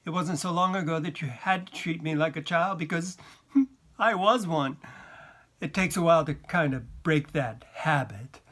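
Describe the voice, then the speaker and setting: A man voicing a resentful husband in a read-aloud story, indignant and forceful in his outbursts. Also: fairly high pitch, moderate pace. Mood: soothing. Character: resentful husband demanding respect.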